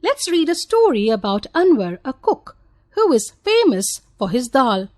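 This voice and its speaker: A woman with an Indian English accent reading a textbook story aloud in a clear, expressive, measured way. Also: high voice, dry recording. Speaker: textbook audio narrator.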